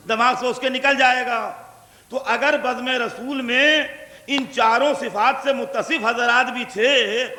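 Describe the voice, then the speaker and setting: A preacher with a Lucknow Urdu accent delivers a majlis sermon to a large gathering in a hall, his very high-pitched voice bright and forceful. He explains through repeated examples and puts questions to the audience. The 1982 tape carries the hall's echo.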